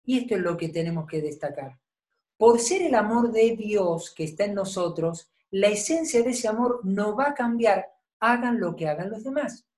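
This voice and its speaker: A woman giving a teaching sermon, explaining calmly and checking in with her listeners. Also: mid-range voice, moderate pace. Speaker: Bible teacher.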